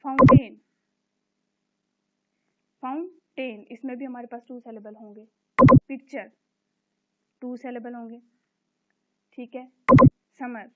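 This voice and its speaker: A woman teacher explaining an English lesson step by step, repeating each word slowly. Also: fairly high pitch, fairly even intonation, noisy background. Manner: explains step by step, repeats words slowly and checks with a recurring "theek hai". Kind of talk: recorded classroom lesson explaining English grammar. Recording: tinny phone-like recording.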